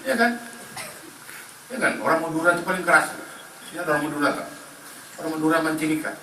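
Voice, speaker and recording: Male preacher, bright tone, playful question-and-answer delivery, recorded from a distance in a roomy mosque. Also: on the high side, expressive, a little fast, a little hiss or hum. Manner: jokey, asks the crowd questions and answers them himself. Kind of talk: humorous mosque lecture. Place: mosque hall. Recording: roomy, distant mic with faint ambience.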